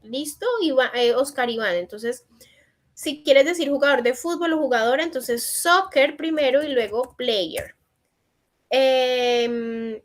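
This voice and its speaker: A woman teaching an online English class in Spanish, reading out student answers and gently correcting them. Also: high-pitched. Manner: encouraging corrections in a patient teacherly tone. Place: online session.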